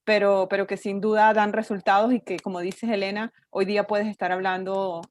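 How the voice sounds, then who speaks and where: A woman's voice: mid-range voice, flat delivery, fairly quick. A woman moderating an online panel, asking questions courteously and hesitantly.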